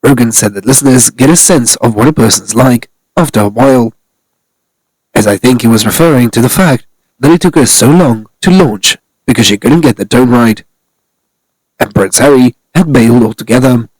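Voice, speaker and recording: A man's voice: mid-range voice, moderate pace, a little mellow, breathy edge, no echo, poor audio. A man narrating a scripted celebrity news commentary, reading steadily from articles.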